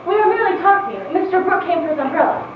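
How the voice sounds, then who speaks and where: A woman's voice: extremely high pitch, lively intonation, quick pace. A woman playing a modest, proper young woman in a period drama, earnest and politely firm. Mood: flustered. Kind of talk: stage-style period drama acting. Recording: echoey distant muffled recording, faint noise.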